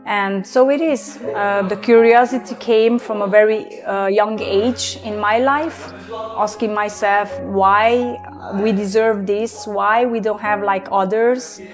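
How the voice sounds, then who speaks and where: A young woman from Transylvania with a Hungarian-Romanian accent, giving a personal testimony in English with many pauses and fillers. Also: mid-range voice, fairly even intonation, over music. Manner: halting, many fillers and restarts. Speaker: guest.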